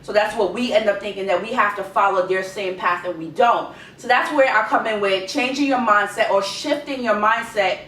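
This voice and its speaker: A woman's voice: normal speed, few pauses, fairly bright tone. A young adult woman with a Guyanese accent giving informal life advice in a conversational way, repeating key words for emphasis. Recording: echoey room, distant mic, rumbling noise.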